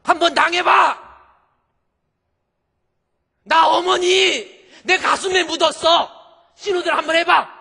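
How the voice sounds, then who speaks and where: A male preacher voicing a distraught middle-aged daughter-in-law who shouts in grief, shrill and near tears. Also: lively intonation, measured pace, pauses often, in a large hall, lightly acted. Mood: anguished shouting.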